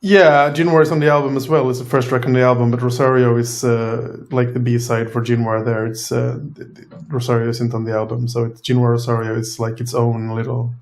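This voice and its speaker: Hesitant male musician, mid pitch. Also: level tone, a little fast, few pauses. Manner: hesitant, lots of fillers. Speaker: band member. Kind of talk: casual interview.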